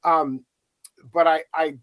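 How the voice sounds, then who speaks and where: A middle-aged man from the United States, a podcast host telling a story casually on a panel and acting out the quoted voices with lively swings. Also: takes it slowly, smooth, no echo. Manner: animated storyteller, acts out quotes with high excited voices.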